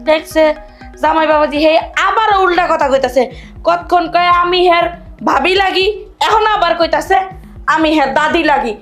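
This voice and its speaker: A woman playing a shrill, fussy half-deaf mother-in-law. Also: moderate pace, fairly bright tone, faint music behind. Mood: fussing. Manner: scolding, nagging. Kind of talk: comedy short film acting.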